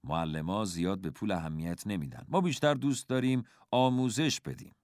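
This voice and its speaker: A man voicing a calm, kindly father who is a schoolteacher, speaking gently and encouragingly in a storybook reading. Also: sits low, no room sound, clean studio sound. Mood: gentle encouraging.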